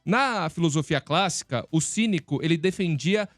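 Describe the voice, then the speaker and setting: A man's voice: a little high, animated, moderate pace, a bit bright, dry recording, soft background music. A man with a Brazilian Portuguese accent hosting a radio show, explaining a topic in a casual, teasing way to his co-hosts in a studio. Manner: teasing, explanatory, calls co-host "palhacinho". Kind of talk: casual chat.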